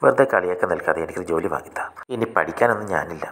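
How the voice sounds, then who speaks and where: A man voicing a struggling young woman who pleads softly, within a read story. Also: sits low, expressive, rapid-fire, heavily acted. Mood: pleading.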